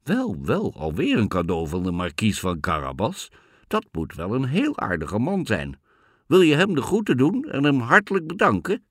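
A man's voice: mid-range voice, huge pitch swings, normal speed, dry recording, studio quality, pitched above the performer's own voice. A man voicing a friendly, slightly pompous king in a storybook reading. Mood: genial. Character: friendly, pleased old king.

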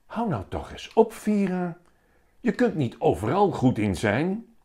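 A man's voice: mid-range voice, a little slow, pitched above the performer's own voice. A man voicing a playful, theatrical bearded schoolteacher. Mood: grumbling. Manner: theatrical, animated teaching.

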